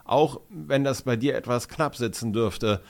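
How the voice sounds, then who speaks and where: A man reading aloud, voicing a friendly, eager boy footballer with a lively, exclamatory way of talking. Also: medium pitch, unhurried, creaky. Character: sporty schoolboy, eager and friendly.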